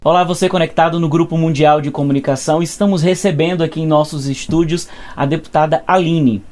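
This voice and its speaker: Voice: mid-range voice, steady tone, brisk, darkish tone, soft background music. An interviewer hosting a studio interview, addressing the guest formally and listing her roles with praise. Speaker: interviewer, host.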